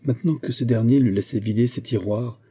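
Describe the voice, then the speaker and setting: Male audiobook reader, mid pitch, very warm dark timbre, husky, measured literary delivery. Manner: measured, expressive novel reading. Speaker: audiobook narrator.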